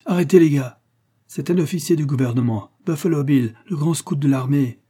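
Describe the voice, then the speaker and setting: A man reading aloud and voicing a male cowboy who shouts urgently to stop a crowd of ranch hands. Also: a little high, normal speed, breathy edge, pitched above the performer's own voice.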